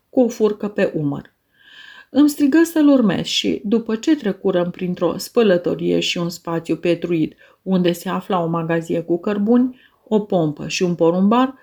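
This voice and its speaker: Female audiobook reader, measured and expressive delivery. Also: mid-range voice. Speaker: audiobook narrator. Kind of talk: literary audiobook narration.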